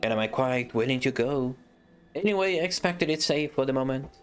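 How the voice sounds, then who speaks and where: A storybook reader voicing a steady dwarf companion in a plain, matter-of-fact way. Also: medium pitch, brisk, soft background music, lightly acted.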